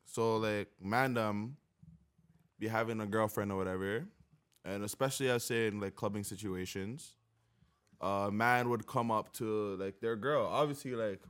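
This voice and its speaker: A man's voice: on the low side, moderate pace, a bit bright. A young adult man, chatting casually in street slang as a podcast co-host. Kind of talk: casual chat.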